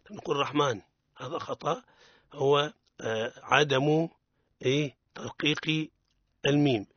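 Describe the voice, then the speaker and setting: A man with a Tunisian accent teaching Quran recitation on the radio, explaining rules and chanting verses slowly for learners to repeat. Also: medium pitch, fairly bright tone, dry recording, dull audio. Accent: Tunisian Arabic.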